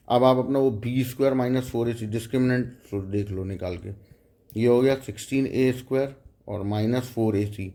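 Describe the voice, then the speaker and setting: A man's voice: lowish voice, warm tone. A man teaching a math lecture, explaining step by step and often checking in with the students.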